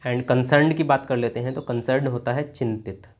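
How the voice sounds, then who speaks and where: Man teaching vocabulary, repeating words softly. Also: mid-range voice, steady tone, a little fast. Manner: explains words one by one, repeating key words softly, often says "friends". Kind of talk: exam-prep vocabulary lesson.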